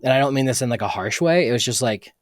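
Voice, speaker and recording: A man's voice: mid-range voice, lively intonation, fast, dry recording, studio quality. A young adult man hosting a casual solo podcast, rambling through tangents with lots of fillers like "like" and "um.". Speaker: podcast host.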